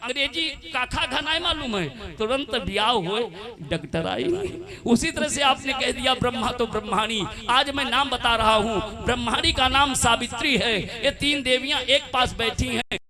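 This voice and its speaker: A man's voice: very high voice, lively intonation, normal speed, few pauses, crowd noise. A man preaching a devotional story, acting out characters and quizzing his listeners. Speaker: Bhagavat katha preacher. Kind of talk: live devotional discourse with chanting. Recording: live event with music behind. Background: music.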